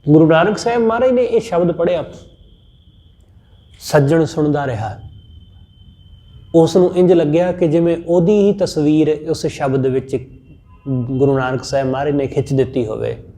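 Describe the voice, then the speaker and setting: A man with a Punjabi accent giving a scripture sermon, teaching in a measured, repetitive way with everyday examples. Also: a little high, mellow. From India. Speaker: Sikh scripture preacher. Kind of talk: sermon-style scripture exposition.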